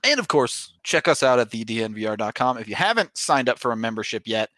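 A man's voice: mid-range voice, big pitch swings, quick pace, sharp tone, no echo, studio quality. An American man hosting a sports podcast, chatting informally and reading out sponsor spots in a casual way. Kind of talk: casual sports talk and ad reads.

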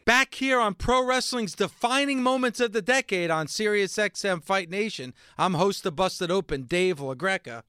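High, clear-voiced male radio host. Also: moderate pace, hardly any pauses, bright, forceful tone, dry recording, clean studio sound. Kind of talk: scripted documentary narration.

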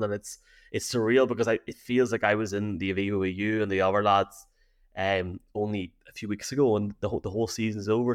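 A man with an Irish accent co-hosting a sports podcast, chatting in an animated, jokey way full of slang. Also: on the low side. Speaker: podcast co-host. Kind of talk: casual sports podcast chat.

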